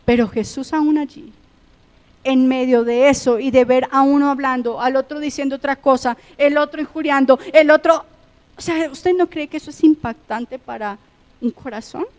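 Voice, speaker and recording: A woman pastor with a Colombian accent preaching a sermon, passionately swinging between loud emphatic lines and hushed, soft ones. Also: high-pitched, moderate pace, in a large hall.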